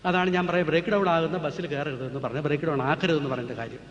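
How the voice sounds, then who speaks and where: A man's voice: fairly high pitch, very fast. A man giving a public talk on natural healing, lecturing with emphatic rhetorical questions while answering audience questions. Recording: echoey hall, dull lo-fi with faint noise.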